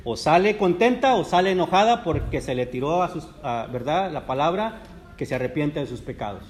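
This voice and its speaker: A man's voice: fairly high pitch, animated, fairly quick, slight background noise. A man preaching a sermon in a conversational way, joking with the congregation. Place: church service.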